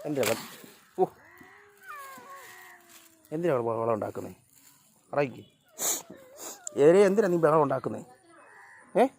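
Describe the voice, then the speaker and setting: A man talking casually to his cats and dogs outdoors by a road, coaxing them and sometimes shouting at them to move. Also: mid-range voice, expressive, a little slow, vocal fry, pauses often, husky. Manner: coaxing and scolding the animals, shouting now and then. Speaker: vlogger. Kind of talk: casual chat with his pets.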